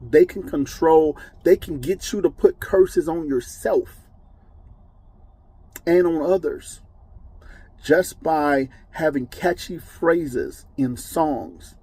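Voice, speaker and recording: A man's voice: on the high side, takes it slowly, mellow, husky, low-quality recording. A man giving an informal Bible teaching, conversational and emphatic, often checking in with "okay?". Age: adult with children. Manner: emphatic, moralizing. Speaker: preacher.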